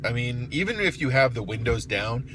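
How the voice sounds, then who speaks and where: A man's voice: mid-range voice, very animated, moderate pace. A grumpy, blunt older man giving a casual, sweary opinion rant, recorded inside a car. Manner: sweary, colloquial. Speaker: vlogger. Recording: loud car and outdoor road noise. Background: vehicle and street noise.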